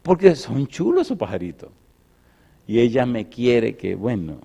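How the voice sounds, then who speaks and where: A middle-aged man preaching, swinging between loud emphatic lines and soft, hushed storytelling. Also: mid-range voice, sing-song, unhurried, gravelly, husky, muffled recording. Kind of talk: sermon with personal storytelling.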